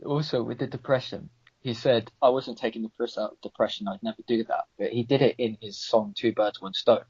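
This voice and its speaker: A man's voice: mid-range voice, fairly even intonation, fairly quick, a little mellow, slightly rough, dry recording. A young man with an Irish accent co-hosting a casual podcast, bantering and swearing freely. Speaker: podcast co-host. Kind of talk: casual chat. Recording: dull lo-fi dry sound.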